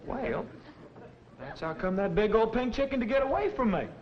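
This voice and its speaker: A man's voice: high-pitched, very animated, moderate pace, a crowd in the background. An actor playing a naive, earnest young backwoods man with folksy rural speech in a vintage sitcom. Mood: earnest, insistent. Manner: folksy rural speech, wide-eyed insistence. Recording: dull vintage TV soundtrack, noisy audience.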